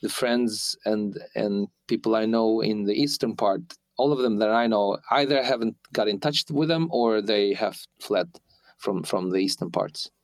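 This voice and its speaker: Halting man in his forties, dry sound. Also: lowish voice, dry recording. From Ukraine. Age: 40s. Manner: halting, many restarts and fillers. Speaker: interview guest. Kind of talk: hesitant conversational interview. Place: Sweden.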